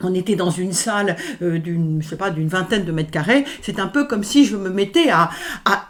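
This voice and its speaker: A woman's voice: on the low side, moderate pace. A woman violinist answering interview questions, speaking with many hesitations, fillers and restarts. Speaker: violinist guest. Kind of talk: conversational interview.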